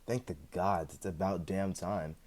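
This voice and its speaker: In this ASMR roleplay audio drama, we hear only one side: a man voicing a chatty, sheepish, evasive immortal freshly returned from death. His very deep voice is unhurried, a little mellow, with fairly even intonation, and his mood is casual and pleased. He speaks conversationally and hesitantly, chuckling often with dry humor.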